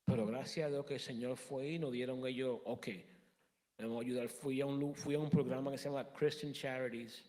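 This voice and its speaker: A man in his thirties giving a halting personal testimony in a church interview, often restarting and slipping in English words. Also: mid-range voice, fairly even intonation, darkish tone, big-room sound.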